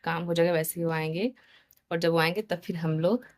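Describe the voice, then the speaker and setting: Low, flat-voiced woman vlogging. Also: a little fast. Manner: chatty, mixes English into Hindi. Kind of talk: casual family vlog.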